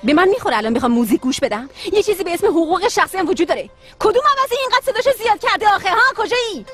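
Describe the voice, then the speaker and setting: A woman dubbing a hot-tempered, sharp-tongued young woman in a TV comedy drama, irritable and snappy. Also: high voice, sing-song, faint music behind. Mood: angry.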